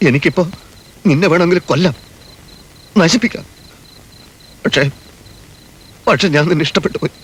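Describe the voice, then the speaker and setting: An actor playing a proud, vengeful young goldsmith in a comedy film, emphatic and threatening. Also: male voice, fairly high pitch, normal speed, pauses often, a bit bright, slight background noise, lightly acted, low-quality recording. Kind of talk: Malayalam comedy film acting.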